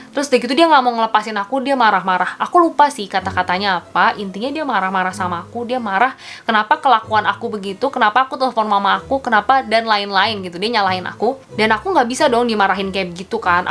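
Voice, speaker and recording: A woman's voice: mid-range voice, a bit bright. A woman telling a personal story in a casual, slangy vlog chat, often calling out to her viewers. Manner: chatty, slangy, addresses viewers as guys. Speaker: vlogger.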